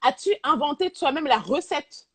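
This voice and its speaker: Woman from France, high pitch, lively interview host, video call. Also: normal speed. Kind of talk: casual live-stream interview.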